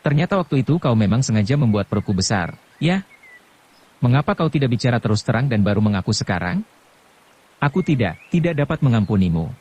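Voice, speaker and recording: A man's voice: medium pitch, sing-song, quick pace, a little mellow, husky. A man voicing an old woman farmer who nags and scolds her husband in an audiobook. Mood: angry. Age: older. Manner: nagging, flares into angry cursing. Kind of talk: audiobook narration.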